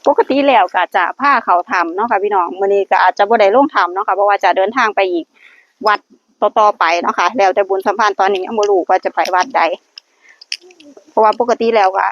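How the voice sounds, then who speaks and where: Here a fast-talking woman with a mid-range, fairly even voice and an Isan accent from Northeastern Thailand gives blessing-filled vlog talk on temple grounds. She guides lottery luck prayers, earnestly calling viewers brothers and sisters, while faint noise sits under the dull lo-fi sound.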